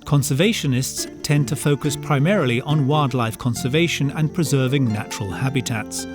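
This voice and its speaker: A man's voice: mid-range voice, normal speed. Male nature documentary narrator over music.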